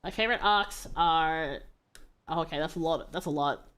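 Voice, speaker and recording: A woman livestreamer chatting casually with her viewers while gaming, animated and playfully dramatic, given to exclaiming and pleading. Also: low-pitched, moderate pace, clear, resonant tone. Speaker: livestreamer hosting a game stream.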